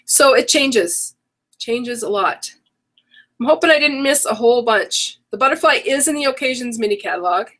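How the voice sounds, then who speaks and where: In a casual live-stream, a middle-aged woman running an online craft workshop chats, rambles, and keeps correcting herself. Her fairly high voice is expressive and a bit bright, her pace moderate, and it sounds worn because a cold is coming on.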